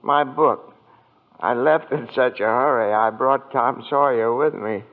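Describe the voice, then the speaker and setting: A man's voice: mid-range voice, unhurried, natural voice. Man acting a quaint guardian angel, tinny old radio. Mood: genial. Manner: genteel, old-fashioned, gently insistent. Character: kindly, eccentric apprentice guardian angel, earnest and quaint. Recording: tinny vintage radio broadcast.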